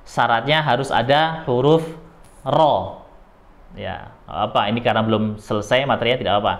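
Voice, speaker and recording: A man's voice: medium pitch, moderate pace. A man teaching how to pronounce Arabic letters, drawing out and repeating syllables before explaining them in short, patient phrases. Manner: patient, repetitive instruction. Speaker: Quran recitation teacher. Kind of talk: lesson on Arabic letter pronunciation.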